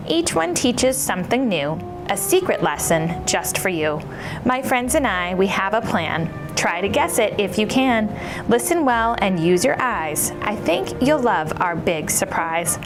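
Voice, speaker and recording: A woman hosting a children's story time, playful and bubbly like an entertainer for young listeners. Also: mid-range voice. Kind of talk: children's story time chat and read-aloud.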